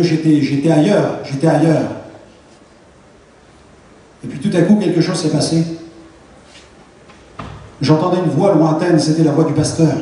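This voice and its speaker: A man's voice: a little high, mellow. A man giving a fervent, dramatic testimony sermon in a large church hall. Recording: echoey hall, distant mic.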